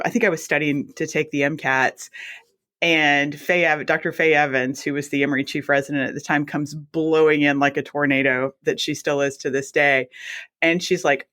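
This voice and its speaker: A woman in her forties from South Mississippi talks as a guest in a relaxed interview. She tells her story in a chatty way and often acts out what she and others said. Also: low-pitched. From South Mississippi, USA. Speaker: guest, anesthesiologist assistant. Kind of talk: casual interview.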